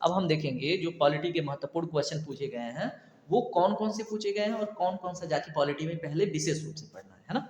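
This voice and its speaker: A man's voice: on the high side, fast, a little mellow, reverberant, long reverb tail. A man teaching an exam prep lecture, asking questions and answering them himself, repeating key answers. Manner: repetitive quizzing, asks and answers himself.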